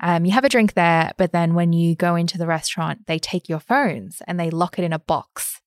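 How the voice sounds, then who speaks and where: A woman's voice: on the low side, a little fast, no room sound, clean studio sound. Sweet-voiced woman co-host. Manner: chatty, laughs easily, plain explainer. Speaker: podcast co-host. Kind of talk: casual investing podcast chat.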